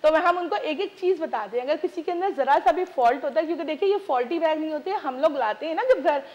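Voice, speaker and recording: A woman's voice: high voice, expressive, fast, a little mellow. A woman guest on a TV talk show who sells preloved bags, talking casually and emphatically. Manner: chatty, emphatic, mixes English words. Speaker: guest, preloved bag seller. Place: TV studio.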